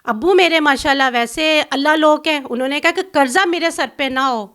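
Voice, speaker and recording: A woman's voice: sits high, a bit bright. A middle-aged woman from Pakistan, a guest in an interview, speaking in a bitter, accusing and insistent way. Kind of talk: emotional complaint in an interview.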